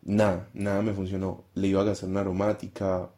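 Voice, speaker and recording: A young man with a Paisa accent from Colombia, guest on a casual podcast. He tells his story in a deep, husky voice, slipping into the voices of the people in it. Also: little pitch movement, fast talker, mellow. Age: 20s. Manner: acts out dialogue while telling a story. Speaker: guest, primary school teacher.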